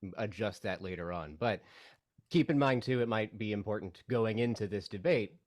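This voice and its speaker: Relaxed scheming Magician played by a man, smooth talker, lowish. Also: normal speed, natural voice. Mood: persuasive. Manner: relaxed and persuasive. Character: laid-back scheming male Magician.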